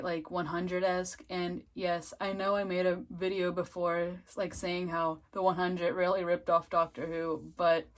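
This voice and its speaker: A woman casually recapping and reviewing a TV episode, chatty and full of filler words, often breaking into giggles. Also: on the low side.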